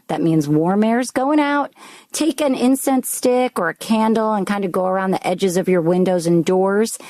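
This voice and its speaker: A woman's voice: medium pitch, dark tone, no echo. A woman with a cold and a congested voice, co-hosting a home improvement radio show in playful, chatty talk. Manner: playful, chatty, quick to laugh.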